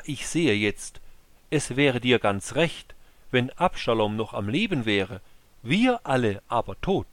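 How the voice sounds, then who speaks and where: A man's voice: medium pitch, no echo. A man voicing a stern army commander. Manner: forceful, reproachful. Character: stern male army commander rebuking his king.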